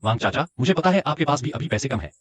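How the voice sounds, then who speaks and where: Earnest young businessman voiced by a man, lively, slightly husky, dry studio sound. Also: mid-range voice, fast, dry recording. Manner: earnest and determined. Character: earnest young male entrepreneur. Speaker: young shop owner in a dubbed drama. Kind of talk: dubbed drama acting.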